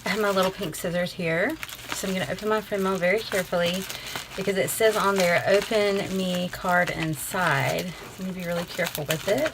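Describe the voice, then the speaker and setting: A woman, gushing and excitable as she unboxes mail in a casual vlog, filmed on a tripod camera, first on her porch and then indoors. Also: fairly low pitch, brisk, noisy background. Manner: gushing, excitable, many fillers. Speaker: beauty vlogger.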